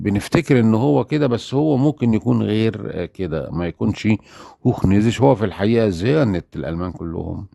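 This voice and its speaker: Egyptian male language teacher, gravelly voice, dry close sound, plays both sides of short dialogues. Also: lowish voice, darkish tone, no room sound. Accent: Egyptian Arabic. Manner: acts out little dialogues, asks and answers himself. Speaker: German teacher. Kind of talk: lively teaching monologue.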